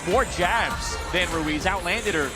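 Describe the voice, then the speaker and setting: A male play-by-play commentator with a high-pitched voice covers boxing in polished broadcast phrasing. He is measured and emphatic, and loud music plays behind him. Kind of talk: polished live sports commentary.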